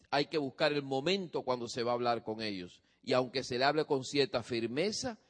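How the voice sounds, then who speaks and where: Man lecturing in a reverberant hall. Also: mid-range voice. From from a different country than his audience. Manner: engages listeners with questions. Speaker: speaker on parenting teens. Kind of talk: lecture to a live audience.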